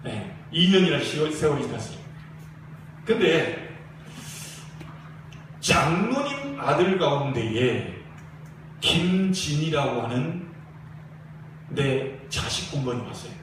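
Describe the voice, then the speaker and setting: A man's voice: fairly high pitch, very animated, slow pace, long pauses, a bit bright. A pastor in his forties from the Jeolla region, preaching an emphatic, exhorting sermon at a church service. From Jeolla region, South Korea. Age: 40s. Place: church sanctuary. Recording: echoey church hall, distant mic, faint hiss.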